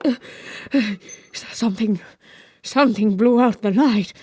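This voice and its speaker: A high, slow, commanding pirate captain from an audio drama, acted by a woman. The captain bullies the crew in archaic pirate speech. The sound is close and dry. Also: darkish tone, breathy edge, dry recording. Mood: uneasy. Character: menacing, imperious pirate captain, a man.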